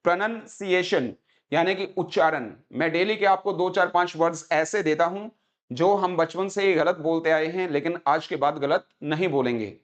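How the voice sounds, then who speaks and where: A man's voice: a little high, normal speed. A man from Haryana with a Haryanvi accent, teaching English vocabulary and pronunciation in a live online class, mixing Hindi with English and quizzing students by having them repeat words. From Haryana, India. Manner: mixes Hindi with English phrases.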